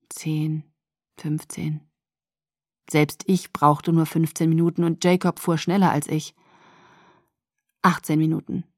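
Low-voiced woman reading a story aloud. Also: a little mellow, no room sound, studio quality. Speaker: audiobook narrator. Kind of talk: scripted first-person narration.

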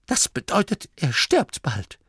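A man voicing a blunt, bossy old gnome grandmother who is a herbal healer, in a high, commanding voice. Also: huge pitch swings, measured pace, fairly bright tone, husky, no room sound, studio quality, exaggerated voice.

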